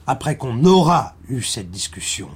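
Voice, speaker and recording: An actor playing a pedantic adult clone in a radio drama, hesitant and nitpicking about grammar. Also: male voice, medium pitch, animated, moderate pace, slightly rough.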